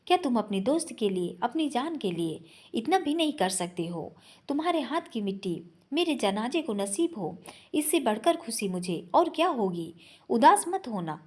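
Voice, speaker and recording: A woman's voice: on the high side, a little mellow, breathy edge. A woman voicing a dying young wife saying a tender, pleading farewell to her husband.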